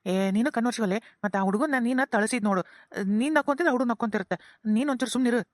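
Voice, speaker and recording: A woman voicing a gentle older village father with a North Karnataka accent, consoling and quoting proverbs, in a cartoon. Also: a little high, racing, dry recording, clean studio sound, close to an everyday voice. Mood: warm. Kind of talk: cartoon voice acting.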